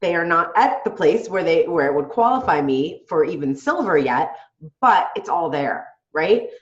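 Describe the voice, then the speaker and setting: This team leader has a fairly low pitch and lively intonation, talking at a moderate pace through roomy, lo-fi audio. Stuffed up from a head cold, she coaches her group over a call, chatting away, tossing in "right?" frequently and laughing between her points.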